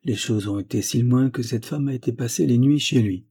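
A man's voice: medium pitch, a little fast, warm tone, slightly rough. A man reading the lines of a frail, pious old grandfather who tenderly pleads with his granddaughter. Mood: earnest. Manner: earnest, tender entreaty.

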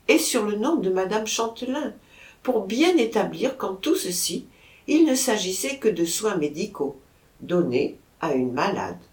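A woman reads a first-person story aloud in a measured, expressive style. Her pace is slow and her pitch moves in lively arcs. The recording has a roomy echo. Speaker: audiobook narrator.

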